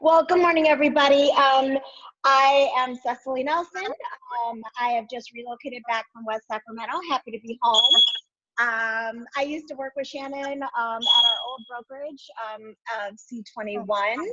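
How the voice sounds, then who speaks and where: A woman's voice: high voice, normal speed, heavy background noise. A woman introducing herself to a team over a video call, hesitant, with many ums and light laughs. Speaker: real estate agent introducing herself. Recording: dull lo-fi call audio.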